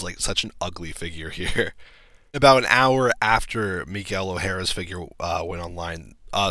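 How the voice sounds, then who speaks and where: A low-voiced man talks through toy news in a casual, filler-heavy way and gives blunt opinions. His tone is bright and forward. The room sounds dry and close. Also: no echo. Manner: chatty, frequent ums and likes, blunt opinions. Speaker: toy collector channel host.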